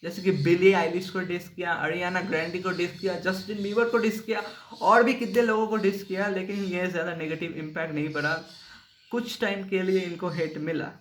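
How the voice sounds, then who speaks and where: A man's voice: high-pitched, little pitch movement, a little fast, a bit bright, a little hiss or hum. A young man giving a heated, mocking and profane commentary rant. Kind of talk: ranting commentary video. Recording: echoey room.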